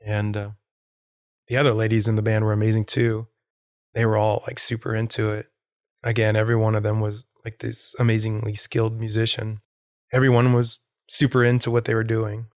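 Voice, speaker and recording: A man's voice: on the low side, monotone, brisk, darkish tone, no room sound, studio quality. A man hosting a podcast, rambling with enthusiasm about a concert and laughing often. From Florida. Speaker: podcast host. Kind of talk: casual solo podcast monologue.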